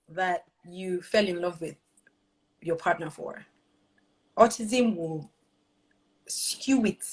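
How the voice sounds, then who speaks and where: A woman's voice: medium pitch, fairly bright tone, low-quality recording. A woman, a parent talking earnestly and expressively about her family in a casual, heartfelt conversation. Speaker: parent sharing her experience.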